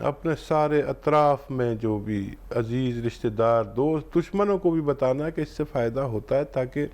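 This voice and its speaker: Calm man giving home-remedy advice. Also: a little high. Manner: calm, reassuring, instructive. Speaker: herbal remedy expert answering callers. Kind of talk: phone-in advice show.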